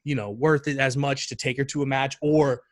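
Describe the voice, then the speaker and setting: A man in his thirties telling a story in casual podcast chat, animated and acting out quoted lines in a higher voice. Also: fairly quick. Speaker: podcast guest.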